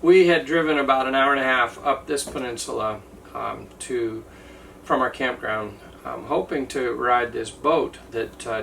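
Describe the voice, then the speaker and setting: A man with a gravelly, bright voice tells a trip story in a loose, rambling chat full of fillers and small jokes. He sits back from the mic, and there is a faint hiss of ambient noise. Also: mid-range voice, distant mic, poor audio. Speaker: travel vlogger. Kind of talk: casual chat.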